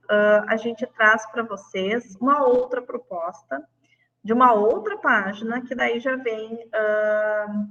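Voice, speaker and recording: A woman's voice: medium pitch, fairly bright tone, in a large hall, distant mic, dull audio. A woman teacher, walking colleagues through classroom games in an online lesson, chatty and full of fillers. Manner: chatty, demonstrates games on screen with many fillers.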